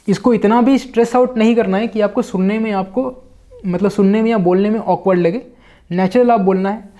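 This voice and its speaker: Indian male tutor, mellow, slightly muffled recording; reads English slowly, explains in Hindi. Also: high-pitched. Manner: reads English lines slowly, then explains in Hindi with many "ठीक है" fillers. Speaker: English vocabulary teacher. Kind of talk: Hindi-English lesson explaining a book line by line.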